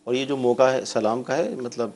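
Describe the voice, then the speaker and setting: A man's voice: medium pitch, darkish tone, a little hiss or hum. A man hosting a religious TV call-in show, who repeats callers' questions, keeps affirming the mufti with short replies and speaks directly to the viewers. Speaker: show host.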